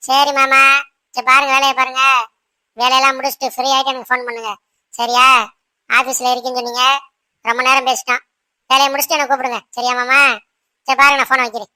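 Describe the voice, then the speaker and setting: Woman playing a firm cartoon wife, high bright voice, insists and lectures at a quick clip. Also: level tone, clear, resonant tone, no room sound. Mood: insistent. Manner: insistent, lecturing, repeats "சரியா?". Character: young wife, proud, stubborn, quick to anger. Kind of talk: cartoon voice acting.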